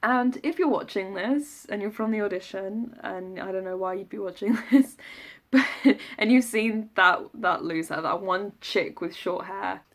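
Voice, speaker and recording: Talking at a measured pace in a medium-pitched voice, a southern English woman in her twenties rambles casually to camera about an audition. Her vlog chat is jokey and self-deprecating.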